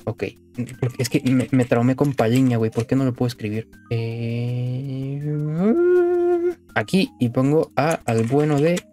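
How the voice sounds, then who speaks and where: A man's voice: mid-range voice, fairly even intonation, a little slow, dark tone, soft background music. A man with a Mexican accent doing casual gameplay commentary as a streamer, muttering to himself, swearing and repeating phrases.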